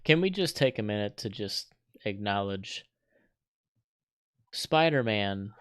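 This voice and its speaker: A man's voice: lowish voice, lively intonation, takes it slowly, fairly bright tone, smooth, no echo, clean studio sound. A man co-hosting a casual podcast debate, earnest and emphatic, repeating his points. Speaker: podcast co-host.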